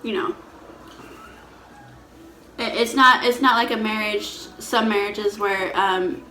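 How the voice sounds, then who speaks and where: A woman's voice: mid-range voice, steady tone, slow, sharp tone. A woman chatting casually as she hosts a question-and-answer video, informal and repeating phrases as she explains. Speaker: host of a couple's Q&A mukbang video. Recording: roomy echo, faint background noise.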